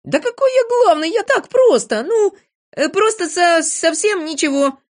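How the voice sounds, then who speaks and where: A woman voicing a boastful, bossy little boy from a storybook, squeaky and fussy. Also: wildly swooping pitch, quick pace, husky, heavily acted. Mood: flustered.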